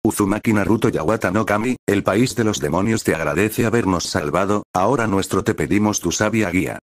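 A man voicing a reverent young girl who leads her country, in a low storybook reading. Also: brisk, no room sound, clean studio sound, lightly acted.

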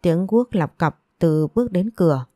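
A woman reading a romance story aloud as narrator, in a calm, measured way. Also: fairly low pitch, no echo, faint music behind.

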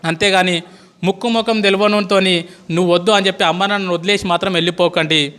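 A man speaks as a teacher giving a motivational speech to students. His voice is very high, bright and forceful. He talks fast and pleads with his listeners. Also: fairly even intonation, clear, resonant tone. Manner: impassioned, pleading, calls listeners "boss". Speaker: school teacher.

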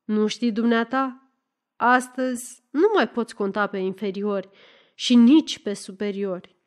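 A woman's voice: a little high, fairly even intonation, natural voice. A woman voicing a grave, self-important male police chief who talks in a confiding, pompous way in an audiobook story.

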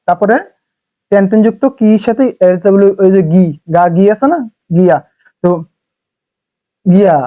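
A man's voice: high voice, narrow, tinny audio. A man teaching Japanese, repeating each syllable aloud twice in a casual spoken lesson. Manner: repetitive, drilling syllables aloud twice over.

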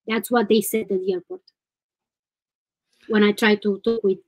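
Here a woman in her thirties, from Romania, calls in on video using a webcam in a home room. She speaks at normal speed with a medium pitch that barely moves, hesitantly describing her situation step by step and in detail. The recording is low quality.

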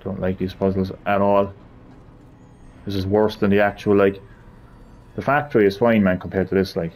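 A man's voice: low voice, steady tone, moderate pace, darkish tone. A man giving gameplay commentary, frustrated, swearing and muttering to himself as he plays. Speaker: gamer.

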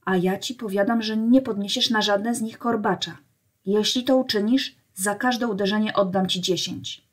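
Brief: woman voicing a stern male leader, menacing and low. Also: fairly even intonation, moderate pace, husky, lightly acted. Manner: menacing, low-voiced threats. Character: stern commanding older male desert leader.

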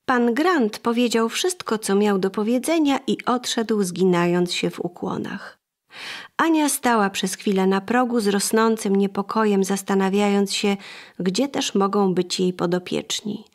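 Female audiobook narrator, even and measured, mid-range voice. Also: mid-range voice. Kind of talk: scripted narration.

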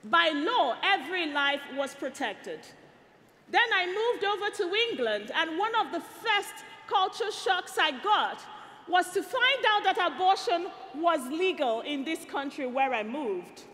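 A woman from Nigeria in her thirties giving a rousing speech to a youth rally on an arena stage through a headset mic, building to rallying shouts and call-and-response. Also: extremely high pitch, sing-song, a little slow. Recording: long arena reverb. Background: arena hall.

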